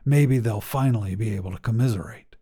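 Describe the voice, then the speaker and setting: A man's voice: fairly high pitch, expressive, normal speed. A man reading a story, voicing an uneasy but determined male leader of a land heist who gives clipped, strained commands.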